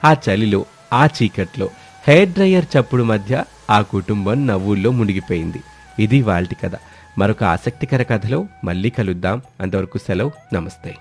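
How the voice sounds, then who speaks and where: A man narrating a family story in a steady, expressive storytelling manner. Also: lowish voice, normal speed, breathy edge, soft background music.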